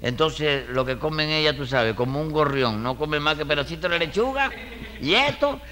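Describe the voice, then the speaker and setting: An actor playing a fast-talking, argumentative male defendant in a radio comedy. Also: a little high, expressive, sharp tone. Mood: holding forth. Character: bold, wisecracking male courtroom defendant. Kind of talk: 1940s radio comedy acting. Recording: reverberant old radio recording.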